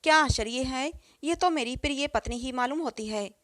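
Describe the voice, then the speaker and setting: A woman's voice: high voice, moderate pace, fairly bright tone, no echo, clean studio sound. A woman reading the lines of a stern village landlord father, in her own voice with firm, plain speech.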